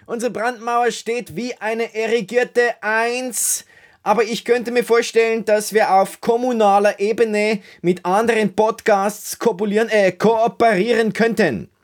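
Man putting on a high, cheery sound engineer. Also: steady tone, a little slow. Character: chipper Viennese male sound engineer.

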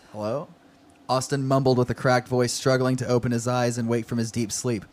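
A man co-hosting a podcast, reading a story aloud with laughing, joking asides. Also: mid-range voice. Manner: giggly, jokey asides while reading. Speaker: podcast co-host.

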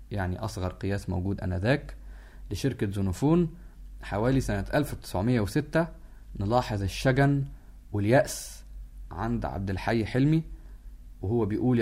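Fast-talking Egyptian man explaining music. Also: fairly low pitch, darkish tone. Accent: Egyptian Arabic. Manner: analytical, walks listeners through musical details. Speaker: music lecturer. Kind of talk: explanatory lecture.

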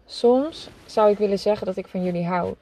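A woman's voice: mid-range voice, moderate pace, dark tone, close to an everyday voice. A woman voicing a cheerful little mole in a storybook, earnest and playful. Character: cheerful small mole who loves cake.

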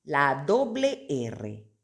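A woman gives a pronunciation lesson, naming each letter and then sounding out example words one by one. She speaks very slowly, with long pauses between words. Her voice sits a little low. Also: huge pitch swings, vocal fry. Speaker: Spanish teacher. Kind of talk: slow, deliberate pronunciation lesson.

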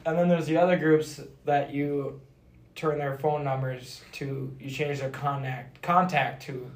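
A man's voice: on the high side, fairly even intonation, unhurried, reverberant. A man working as a hunting guide, telling loose, profane stories with lots of laughter in casual podcast chat.

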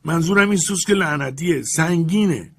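A man narrating an audiobook puts on a timid, stubborn old servant who answers his master from high up a tree. The voice is pushed well above his own and loud. A gravelly, husky grain stays under it. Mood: nervous, pleading. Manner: high strained pleading voice.

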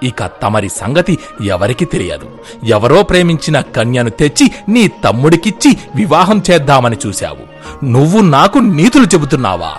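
A man's voice: medium pitch, sing-song, moderate pace, faint music behind, close to an everyday voice. A man voicing an arrogant, scornful king who taunts and jeers with insults. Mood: mocking.

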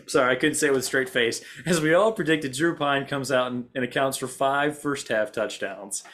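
A young man recaps college football on a casual podcast. His voice sits at an average pitch. He delivers deadpan sarcasm and then moves along. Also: moderate pace, hardly any pauses. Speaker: podcast co-host. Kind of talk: casual sports talk.

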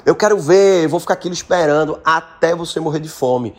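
A big, frustrated male tiger from a spoken fable, put on by a man telling the story. He blusters and bargains in a Brazilian Portuguese accent. The voice sits a little high for a man, and in places it jumps much higher. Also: fairly quick, natural voice. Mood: threatening.

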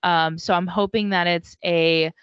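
A woman's voice: lowish voice, fairly even intonation, measured pace, a bit bright, clear, resonant tone, dry recording. A woman co-hosting a casual book podcast over a video call, rambling with lots of ums and likes. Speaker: podcast co-host and bookstore worker. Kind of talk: casual chat. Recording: dry, dull lo-fi call audio.

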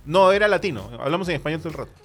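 A man's voice: a little high, expressive, rapid-fire, fairly bright tone, faint music behind. A man with a Peruvian accent, a comedy podcast co-host telling a long, rambling, self-mocking story in casual chat. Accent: Peruvian Spanish.

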